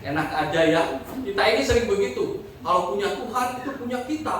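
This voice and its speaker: A pastor preaching a sermon in a church, joking and asking the congregation questions. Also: male voice, high-pitched, animated, fast talker, fairly bright tone, slight background noise. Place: church hall. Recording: very echoey hall, from a distance.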